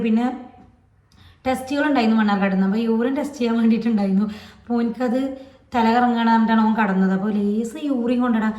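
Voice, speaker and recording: A woman's voice: on the high side, warm tone, echoey room, dull audio. A woman, telling a personal story to her channel in a rambling, repetitive way. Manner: rambling, repetitive retelling with many fillers. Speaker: vlogger.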